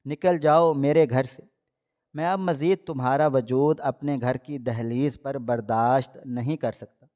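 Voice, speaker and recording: A man's voice: medium pitch, a little mellow, lightly acted. A man voicing a stern elderly father who disowns his daughter, read in his own plain voice. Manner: grave, harsh. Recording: dull lo-fi audio.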